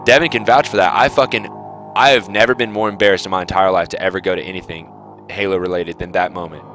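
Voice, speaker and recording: A man's voice: deep voice, fairly even intonation, fast, fairly bright tone, soft background music. A young man giving his gaming team a blunt, lecturing talk on their attitude, swearing freely. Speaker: team captain.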